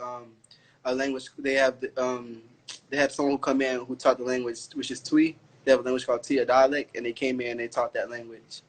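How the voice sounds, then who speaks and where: A man's voice: mid-range voice, rough recording. A young man from Florida calling into a livestream, talking in a loose, slangy, rambling way. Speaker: caller on a livestream. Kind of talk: casual chat.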